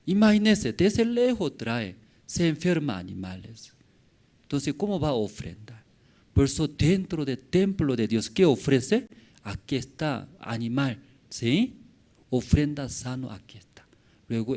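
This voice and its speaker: A man preaching a sermon as pastor, with halting phrasing and many questions to the congregation, swinging from loud exclamations to quiet murmurs. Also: medium pitch. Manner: asks the congregation frequent rhetorical questions.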